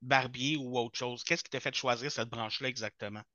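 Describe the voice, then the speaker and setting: A man's voice: medium pitch, fairly even intonation, brisk, pushed and bright, no room sound. A man with a Quebec French accent hosting a casual interview, teasing his guest with jokes, on a dull lo-fi recording. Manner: teasing, jokey. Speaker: podcast host.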